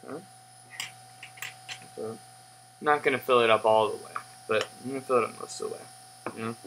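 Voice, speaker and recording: A young man giving a casual, rambling review in a halting way that trails off, recorded on a webcam in a living room. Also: mid-range voice. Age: young adult. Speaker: pipe tobacco reviewer. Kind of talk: casual unscripted review chat. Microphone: webcam at desk distance. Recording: humming, noisy webcam audio.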